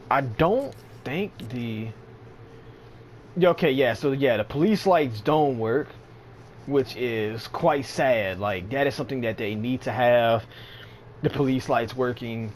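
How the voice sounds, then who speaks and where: A man's voice: mid-range voice, slow pace, slight background noise. A man giving casual, rambling commentary on a game update, sleepy and yawning, with lots of fillers and slang. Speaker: gaming channel host.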